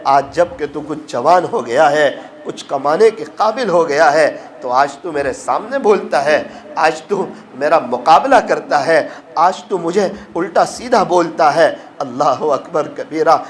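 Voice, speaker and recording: A man's voice: animated, few pauses. A man preaching a sermon, telling moral stories with emotion and acting out the voices of the people in them. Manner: emotional, acts out quoted voices with rising pitch. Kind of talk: sermon with storytelling.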